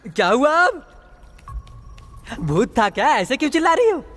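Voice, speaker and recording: A man's voice: very high voice, sing-song, moderate pace, a bit bright, exaggerated voice. A male dub actor playing a talkative, easily scared comic sidekick in a dubbed film. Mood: chattering. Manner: chattering, fearful, complaining. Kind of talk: Hindi film dub acting.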